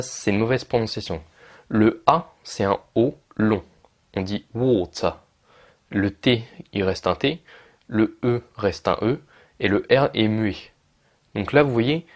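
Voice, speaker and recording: A young man with a fairly low voice gives a casual video lesson to the camera. He explains things step by step, often pausing on fillers and correcting himself mid-sentence. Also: a little mellow. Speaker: English teacher for French speakers.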